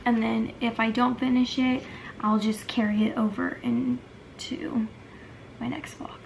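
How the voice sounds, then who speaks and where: A young woman talks through her latest reads in a casual, gushing way, full of filler words. Her voice sits a little high. A faint hiss runs under the recording. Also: flat delivery, unhurried, vocal fry, darkish tone. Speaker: book vlogger. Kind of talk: casual chat.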